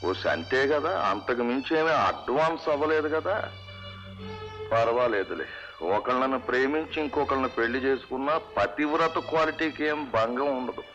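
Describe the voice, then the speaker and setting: A man's voice: medium pitch, normal speed, fairly bright tone, dull audio, faint music behind, close to an everyday voice. An actor playing a glib, mocking middle-aged father who lectures his family in a film scene. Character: sarcastic scheming middle-aged village father. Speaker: father of the bride. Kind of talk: 1980s film dialogue.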